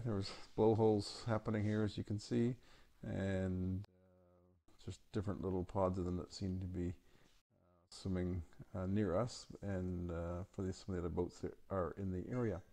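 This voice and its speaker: Gravelly low-voiced man narrating holiday photos. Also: dark tone. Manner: halting, many uh and um fillers. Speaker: travel vlog narrator.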